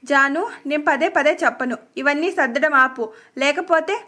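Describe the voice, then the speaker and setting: A woman's voice: sits high, normal speed, sharp tone. A woman voicing an angry, possessive young husband in a dramatic storybook reading, talking in a commanding, threatening way. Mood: angry, pleading.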